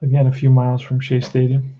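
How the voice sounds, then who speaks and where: Chatting casually about tabletop baseball, this Queens-accented man in his sixties explains his hobby bluntly and plainly, addressing the listener as "man." His mid-range voice is mellow and completely flat, and he talks fast. Highs are cut off and there's slight background noise.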